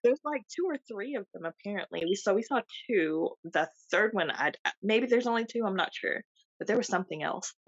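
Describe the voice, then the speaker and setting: She's a podcast co-host whose mid-range voice is expressive and brisk. The audio has no room sound but comes across dull and lo-fi, as she laughs a lot and tells stories in casual conversation.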